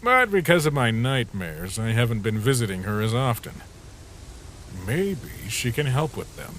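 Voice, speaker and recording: With music behind him, a man with a mid-range, sing-song voice speaks a little slowly over a noisy background, voicing a skeleton sentry in a comic dub. The character is easygoing and loves jokes but is troubled by nightmares, and he sounds casual, wistful and musing.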